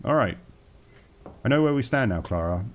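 A man's voice: medium pitch, animated, moderate pace. A man casually commenting on a horror game as he plays, joking and talking to the game's characters. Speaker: gaming channel host.

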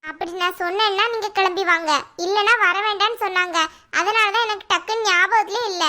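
Poomari, high bright cartoon wife, voiced by a woman. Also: fairly even intonation, brisk. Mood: defensive. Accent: Tirunelveli Tamil. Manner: pleading, defensive. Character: defensive young wife Poomari, quick-tempered. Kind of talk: cartoon voice acting.

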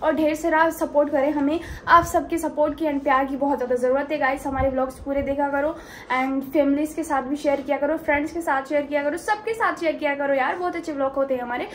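A woman's voice: high voice, fairly even intonation, fast talker, a bit bright, slight background noise, poor audio. A woman hosting a casual vlog, chatting to viewers and often asking if they follow. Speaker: vlog host.

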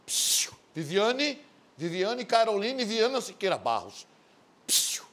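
A man hosting a TV show, delivering loud, mocking studio commentary, shouting at times and acting out quoted voices. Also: a little high, very animated, normal speed, breathy edge. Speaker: TV host.

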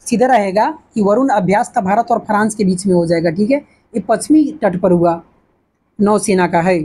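A woman's voice: mid-range voice, mellow, slightly rough. A woman teaching an exam-prep lesson, asking questions and answering them herself. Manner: repetitive, asks and answers her own questions.

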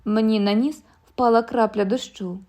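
A woman's voice: fairly high pitch, fairly even intonation, moderate pace, darkish tone, natural voice. A woman voicing an anxious wife who urges her husband to leave and pleads with him. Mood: eager. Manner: urgent, pleading.

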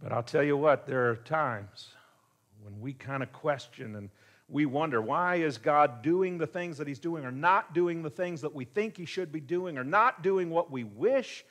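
A man's voice: a little high, lively intonation, measured pace, fairly bright tone. A man, a pastor, preaching a conversational sermon full of rhetorical questions. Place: church.

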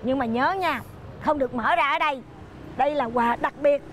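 Actress as a coy, teasing woman, very high-pitched, street noise behind. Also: normal speed, close to an everyday voice. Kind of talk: sitcom acting.

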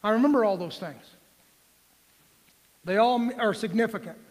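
A man's voice: sits high, moderate pace. A man in his forties preaching a sermon in a church, folksy and joking, then pressing the room with emphatic questions. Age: 40s. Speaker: pastor. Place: church sanctuary. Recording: long reverb of a church hall.

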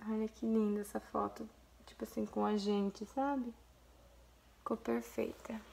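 Speaking a little slowly in a mellow, somewhat high voice with vocal fry and little pitch movement, this young Brazilian vlogger and mother shows off a photo album. Her Brazilian Portuguese accent comes through as she gushes and talks straight to her viewers.

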